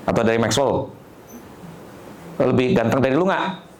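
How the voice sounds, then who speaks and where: A man, a pastor telling a humorous story in an animated sermon. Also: mid-range voice, moderate pace, slight background noise.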